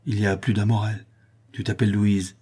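A man reading aloud and voicing a distraught, pleading working-class father with a husky, raised voice. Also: fairly low pitch, little pitch movement, fairly quick, warm tone.

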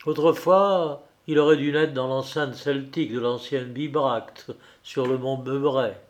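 A man reading a literary story aloud in a measured, deliberate way, with occasional small hesitations. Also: mid-range voice, steady tone. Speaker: audiobook reader.

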